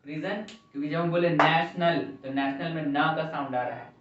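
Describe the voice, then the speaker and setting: A man's voice: on the high side, normal speed, a bit bright. A man teaching a classroom grammar lesson, asking the class questions and repeating their answers. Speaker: English teacher. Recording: echoey classroom from far off, dull.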